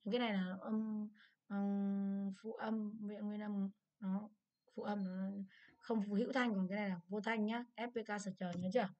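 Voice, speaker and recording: A woman English teacher with a Vietnamese accent, going through an exam in a brisk review lesson and asking many checking questions. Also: mid-range voice, fairly even intonation, a little mellow, lo-fi sound.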